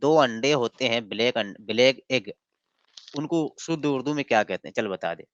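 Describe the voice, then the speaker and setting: A man's voice: mid-range voice, expressive, normal speed, no room sound, dull audio. A man hosting a livestream debate, mocking his opponent and reading passages aloud in a lecturing way. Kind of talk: casual livestream debate and commentary.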